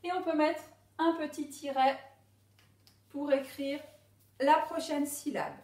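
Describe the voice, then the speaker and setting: A woman teaching a reading lesson to young pupils, speaking slowly and sounding out each syllable clearly. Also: sits high, fairly even intonation, darkish tone. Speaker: primary school teacher. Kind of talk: slow classroom reading lesson. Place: classroom with a board. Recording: echoey room, voice a bit far from the mic.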